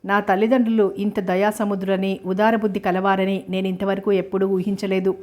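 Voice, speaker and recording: A woman reading a first-person novel aloud in a steady, even manner. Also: medium pitch, brisk.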